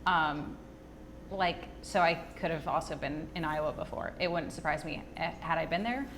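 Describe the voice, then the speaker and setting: A woman co-hosting a podcast in casual chat, upbeat and quick with short affirmations. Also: sits low, a bit bright, slight background noise. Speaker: podcast co-host.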